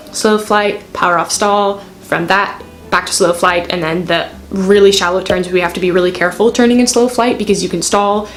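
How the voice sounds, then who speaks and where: A woman's voice: fairly low pitch, slight background noise. Chatty, candid young woman telling a story. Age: 20s. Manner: chatty, candid, self-deprecating. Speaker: student pilot vlogger. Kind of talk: casual storytelling to camera. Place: bedroom, indoors.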